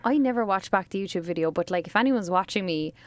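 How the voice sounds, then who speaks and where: A woman's voice: mid-range voice, expressive, quick pace, a little hiss or hum. A woman co-hosting a podcast, chatting casually with lots of filler words. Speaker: podcast co-host.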